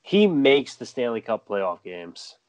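A man's voice: mid-range voice, sing-song, slow, a little mellow, no echo. A man talking casually and earnestly about sports, with "dude" and "man" dropped in. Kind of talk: casual chat.

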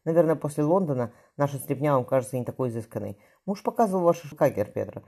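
A reader voicing a plump, pregnant merchant's wife who gushes dreamily about fine fabrics. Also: female voice, low voice, lively intonation, fast talker, dark tone, slightly rough, heavily acted. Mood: dreamy. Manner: gushing, dreamy.

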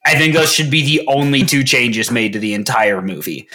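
A man's voice: mid-range voice, expressive, moderate pace, bright, forceful tone. Podcast guy rambling on w crude jokes, plain mid voice. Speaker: podcast co-host. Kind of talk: casual comedic chat.

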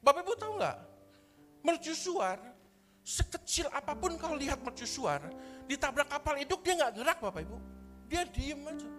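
A man preaching as pastor at a church service, animated and full of rhetorical questions and sound effects. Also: very high voice, normal speed, music in the background. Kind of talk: sermon.

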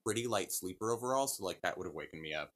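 A man's voice: low voice, expressive, fast talker, a bit bright. A man telling his own ghost stories casually as a podcast guest, rambling and correcting himself with lots of fillers. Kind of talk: casual storytelling.

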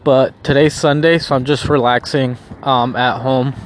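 A man who is high on weed, rambling casually in a spaced-out stoner manner, as in a video diary. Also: fairly even intonation, slight background noise. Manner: slow, spaced-out stoner drawl. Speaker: vlogger.

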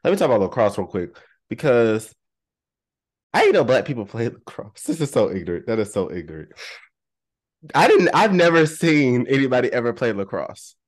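A man's voice: medium pitch, very animated, fairly quick. A man chatting casually as a podcast co-host, playful and self-mocking, repeating himself for emphasis. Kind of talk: casual chat.

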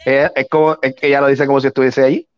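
A man's voice: mid-range voice, flat delivery, very fast, crowd noise. A teasing man who keeps cutting in during a raunchy podcast chat. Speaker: podcast co-host. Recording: slightly dull lo-fi sound.

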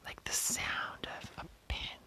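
An ASMR host speaking entirely in a breathy whisper, reading an article aloud and adding informal, rambling asides. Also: measured pace, pushed and bright. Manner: informal, rambling, self-commenting.

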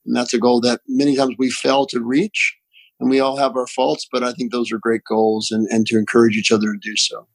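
Appalachian man with a gravelly, creaky voice. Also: mid-range voice, little pitch movement, a little fast, no room sound, poor audio. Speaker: pain physician, interview guest. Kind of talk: conversational interview answers.

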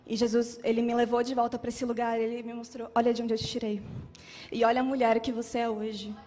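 A young woman in her twenties telling an emotional church testimony in an animated storytelling manner. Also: on the high side, fast talker, big-room sound. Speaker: testimony speaker.

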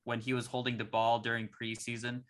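Young male podcast co-host, bright eager voice, rambly sports chat. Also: mid-range voice, brisk. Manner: excitable, rambling with restarts.

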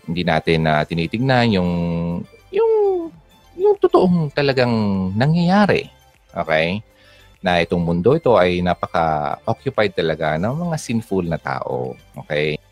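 A man's voice: sits low, wildly swooping pitch, unhurried, pauses often, faint music behind. A man giving fatherly relationship advice in casual talk, mixing English words into his speech and reading out listeners' messages. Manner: fatherly, mixes English into Tagalog. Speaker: advice host.

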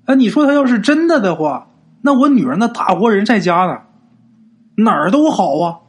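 A man's voice: sits high, big pitch swings, moderate pace, husky, voice pushed up, full character voice. A male storyteller voicing a doting middle-aged wife who stammers when unsure and snaps when her family is doubted. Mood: doubtful.

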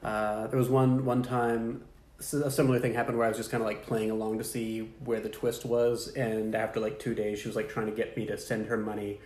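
A man's voice: fairly low pitch, flat delivery, a little fast, a little mellow, slight background noise. A man casually telling stories in a podcast chat, acting out both sides of online conversations in a raised voice. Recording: roomy echo.

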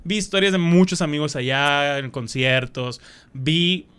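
A man's voice: a little high, measured pace, fairly bright tone, smooth. A young Mexican man hosting a podcast, telling rambling stories full of slang and acting out what people said. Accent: Mexican Spanish. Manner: slangy, rambling storyteller, acts out quotes. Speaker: podcast host. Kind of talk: casual chat.

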